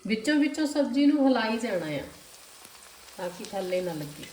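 A woman with a Punjabi accent, hosting a cooking channel, calmly explaining each step and speaking to viewers directly. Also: fairly high pitch, normal speed. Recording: echoey kitchen with faint noise. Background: sizzling and stirring of food.

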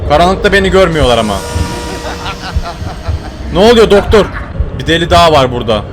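A man playing a horror game and commenting as he goes, yelling when startled and whispering while he sneaks. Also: on the high side, lively intonation, brisk, music in the background. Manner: jumpy, shouts when scared, drops to hushed muttering when sneaking. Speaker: gaming YouTuber.

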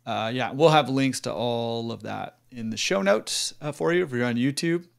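A man's voice: mid-range voice, lively intonation, normal speed, gravelly, smooth. A man hosting a podcast, upbeat and encouraging, talking casually with many fillers. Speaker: podcast host.

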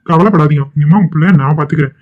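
A man voicing a smooth young cartoon suitor. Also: on the high side, racing, natural voice. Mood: polite. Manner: polite and ingratiating. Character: smooth-talking young male college suitor. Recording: tinny phone-like audio.

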